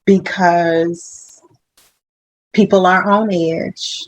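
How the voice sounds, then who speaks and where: A woman who works as a hospital social worker, telling stories in a lively, humorous way and acting out other people's voices. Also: on the low side, drawn-out words, no room sound, low-quality recording. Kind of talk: casual interview storytelling.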